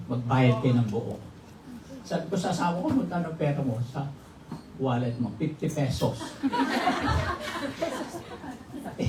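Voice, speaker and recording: A man's voice: fairly high pitch, noisy background. A Filipino man, a pastor, giving a humorous testimony in a sermon to his congregation. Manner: jokes and laughs with the congregation. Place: church hall. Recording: roomy, distant mic, faint ambience.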